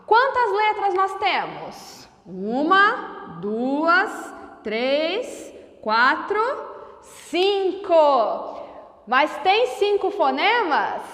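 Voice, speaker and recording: A woman teacher with a high, lively voice walks through a whiteboard lesson, stretching words out slowly and carefully. She talks at an unhurried pace. The room rings with echo and a long reverb tail. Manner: slow, deliberate over-enunciation of sounds. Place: classroom with a whiteboard.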